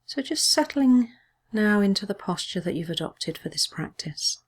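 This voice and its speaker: A mindfulness teacher leads a body scan meditation in a medium-pitched voice that is expressive and husky. Her speech is gentle, measured, and calming, with pauses.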